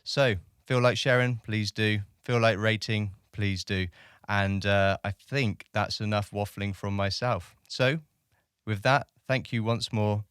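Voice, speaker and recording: A man's voice: fairly low pitch, fairly even intonation, a little slow, fairly bright tone, clean tone, dry recording, clean studio sound. Friendly man hosting a podcast. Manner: friendly, chatty with frequent fillers. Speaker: podcast host. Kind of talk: casual podcast chat.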